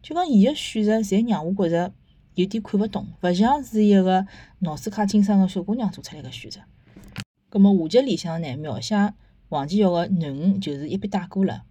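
A woman's voice: mid-range voice, a little fast, dark tone, husky. A woman with a Shanghainese accent chatting casually as a host giving a review, opinionated and conversational. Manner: conversational, opinionated, with rhetorical tag questions. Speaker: host of a book and theatre review podcast. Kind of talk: casual chat, reviewing and retelling.

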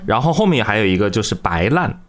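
A man's voice: fairly low pitch, very animated, fast talker. A man hosting a casual chat, putting questions and prompts to the others. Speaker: host.

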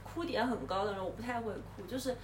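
Woman co-host, dry and plain-spoken, high voice, noisy echoey room. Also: quick pace, recorded from a distance. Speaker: podcast co-host. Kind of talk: casual chat. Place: hotel room. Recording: echoey room with clear background noise.

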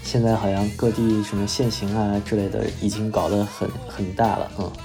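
A man's voice: lowish voice, flat delivery, moderate pace, music in the background. A man hosting a casual podcast chat in a wry, self-mocking way. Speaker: podcast host.

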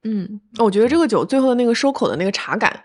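A woman's voice: fairly high pitch, animated, racing. A woman co-hosting a casual chat, reacting with enthusiasm and asking questions. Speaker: co-host.

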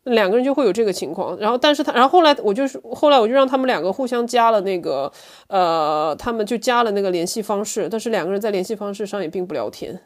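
A woman chatting casually as an interview guest, telling anecdotes in an animated way. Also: mid-range voice, quick pace. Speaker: podcast guest, language teacher.

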